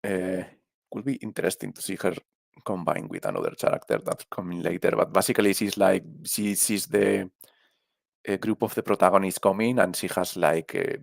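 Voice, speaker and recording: A man's voice: sits low, expressive, normal speed, creaky, no echo. A man from Spain with a Spanish accent, casually rambling through a character tier list and often trailing off mid-thought. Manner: rambling, casual, swears, trails off while thinking. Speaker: video creator ranking game characters.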